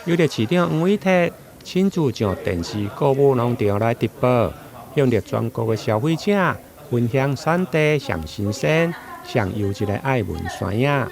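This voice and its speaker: A man's voice: medium pitch, lively intonation, unhurried, gravelly, darkish tone. A man reading a scripted promotional news report, much like infomercial narration.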